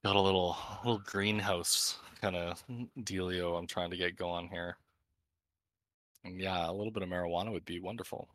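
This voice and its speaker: A man who is high, hosting a casual, unscripted podcast chat in a laid-back stoner manner. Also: little pitch movement, moderate pace, a bit bright, dry recording. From Canada. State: high on cannabis. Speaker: podcast host.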